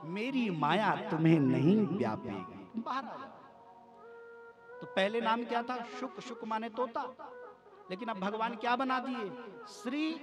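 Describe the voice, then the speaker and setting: A man preaching a devotional scripture sermon, telling the story in a sing-song way with frequent rhetorical questions. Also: very high voice. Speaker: religious storyteller.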